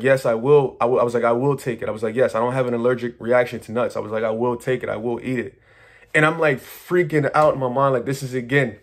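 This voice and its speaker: A man talking casually to his viewers, rambling excitedly through a story with slang, swearing and many restarts. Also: mid-range voice. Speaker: manifestation coach.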